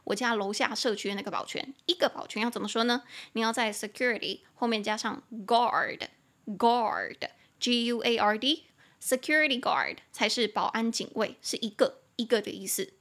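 A young woman with a Taiwanese Mandarin accent hosting a casual podcast lesson, spelling English words slowly and adding chatty asides. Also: fairly high pitch, fairly bright tone. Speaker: podcast host teaching English.

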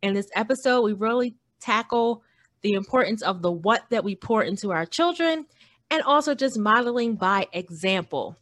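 A woman's voice: medium pitch, expressive, moderate pace, fairly bright tone. Woman host reading a polished intro. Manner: polished, upbeat read-from-script delivery. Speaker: podcast host. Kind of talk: scripted podcast intro.

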